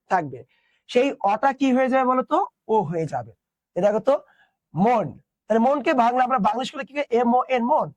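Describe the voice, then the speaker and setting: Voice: medium pitch, no echo. Teacher doing an exam prep class, quizzes then answers itself, dry voice no room. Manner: mixes English words into the explanation. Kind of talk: online exam-prep lesson.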